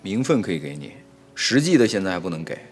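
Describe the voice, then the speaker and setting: An actor playing a flustered young master of a household in a comedic period TV drama, scolding and coaxing by turns in an exasperated way. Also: male voice, sits low, sing-song, fast. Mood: lecturing. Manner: exasperated, scolding, jumps between coaxing and alarm. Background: background music.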